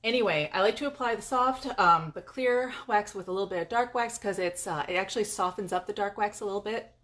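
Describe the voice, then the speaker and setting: A woman's voice: mid-range voice, quick pace, fairly bright tone. A middle-aged woman from California, chatting upbeat and casually to her viewers during a live-stream demonstration in her home garage. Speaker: furniture painter and paint business owner.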